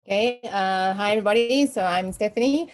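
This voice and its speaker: A woman's voice: medium pitch, fairly quick, no echo. A woman with a South African accent, a martial arts guest, introducing herself in a friendly, casual interview chat over a video call. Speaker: guest, aikido practitioner.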